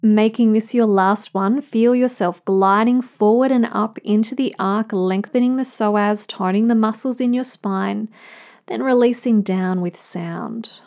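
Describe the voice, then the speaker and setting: Yoga teacher lady, mellow dark-ish voice, soothing measured breath cues, mid pitch. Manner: soothing, measured cueing in breath-timed phrases. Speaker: yoga instructor. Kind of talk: guided yoga class instruction.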